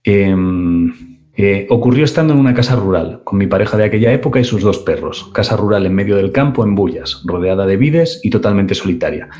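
Low-voiced man reading a story. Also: expressive, fairly quick, darkish tone, muffled recording. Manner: joking, swears freely, comments on the story as he reads. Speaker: podcast co-host reading listener stories. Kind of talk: casual live-stream chat, reading a story aloud.

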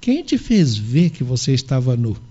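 A man's voice: mid-range voice, sing-song, normal speed, warm tone, voice pushed down. A preacher voicing God as a stern, fatherly male figure who calls out and questions. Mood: questioning. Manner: calling, questioning. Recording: dull lo-fi recording.

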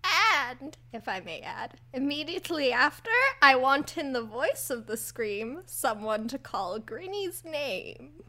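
A woman playing a tabletop game, spelling out detailed, deliberate requests to the game master. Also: sits high, sharp tone. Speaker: player.

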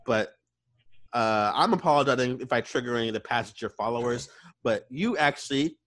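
A man's voice: mid-range voice, fairly quick, a bit bright, dry recording. A man hosting a casual album review, chatty and profane, laughing between remarks. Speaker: album reviewer and show host. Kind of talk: casual music review chat.

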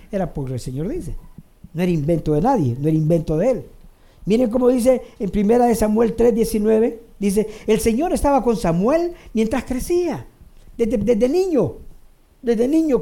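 A preacher addresses his congregation directly in a sermon, repeating phrases for emphasis and shifting between raised, emphatic lines and low, quiet asides. He sounds animated and speaks at normal speed.

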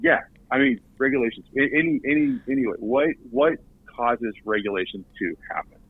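A man's voice: mid-range voice, normal speed, slightly rough. A man, a guest on a podcast interview, talking in an earnest way and often repeating words as he restarts. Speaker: recruiting director guest. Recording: tinny phone line.

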